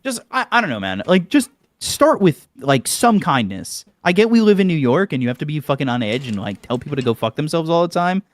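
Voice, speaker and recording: A man with a fairly high, very lively voice tells a story in a heated, profane rant. He sounds close and dry on the mic, with no room sound. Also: a little fast, hardly any pauses, no room sound.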